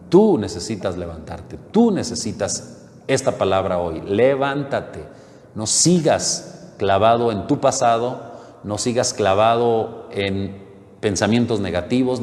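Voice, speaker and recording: A man's voice: mid-range voice, a little mellow. Male pastor, emphatic sermon delivery, long church-hall reverb. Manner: dramatic preaching with sudden rises and slow emphatic lines.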